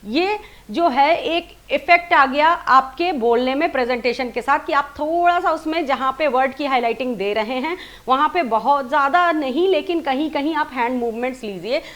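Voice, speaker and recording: A woman's voice: high-pitched, moderate pace, a bit bright, lo-fi sound. A woman giving a spoken lesson on presenting, explaining step by step and demonstrating sample lines with stressed words. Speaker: presentation skills coach.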